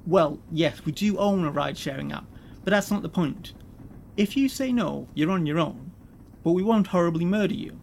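A man's voice: on the high side, lively intonation, normal speed, gravelly, a little mellow, slight background noise. A man voicing a smug, slick corporate executive who talks in a breezy, condescending, amused way.

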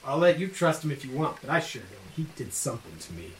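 A man's voice: medium pitch, sing-song, fast talker, natural voice. A man voicing a suspicious, aggrieved prisoner in a fantasy tabletop game, accusing and insistent. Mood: distrustful. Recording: roomy, distant mic with faint noise.

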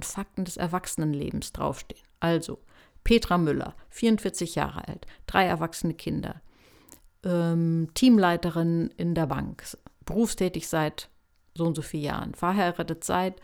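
A woman with a slightly low voice hosts a self-help podcast. She talks in a gentle, reflective way and speaks straight to the listener, guiding them step by step. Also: fairly even intonation, normal speed, creaky. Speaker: podcast host.

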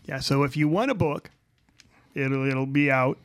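A man's voice: medium pitch, measured pace. A man hosting a podcast in casual chat, explaining things in a wry way. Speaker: podcast host.

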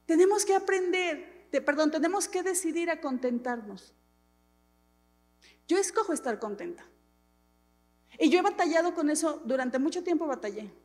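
A middle-aged woman preaching a sermon in a high, bright voice, dramatic and animated, poking fun at herself. Her words ring out with a long reverb from a church hall. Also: normal speed, long pauses. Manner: animated, dramatic preaching with self-mocking humor. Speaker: pastor.

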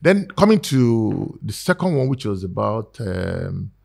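A man's voice: fairly low pitch, sing-song, a little slow, gravelly, darkish tone. A man with a Nigerian accent, speaking as a guest in a casual talk-show discussion, earnest and persuasive, with many fillers and restarts. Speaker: guest advocating for skit makers.

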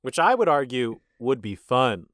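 Brief: male podcast host, smooth resonant voice, dry close sound, wry quizmaster delivery. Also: mid-range voice, very animated, measured pace, a bit bright, no echo. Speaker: quiz host of a movie podcast. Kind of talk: casual podcast chat.

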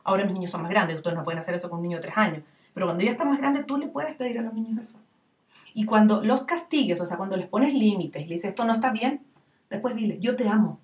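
A middle-aged woman with a Chilean accent giving parenting advice in casual chat, acting out little scenes with lively voices. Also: medium pitch, quick pace. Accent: Chilean Spanish. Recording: roomy echo, distant mic.

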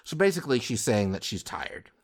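A man's voice: mid-range voice, big pitch swings, fairly quick, slightly rough. A man hosting a casual podcast, joking and rambling with mock indignation. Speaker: podcast host.

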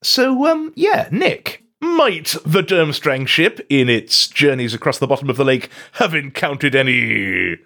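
A man's voice: medium pitch, measured pace, vocal fry, few pauses. A young man chatting enthusiastically as a podcast co-host and tour guide. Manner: enthusiastic, animated storyteller. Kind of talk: casual group chat.

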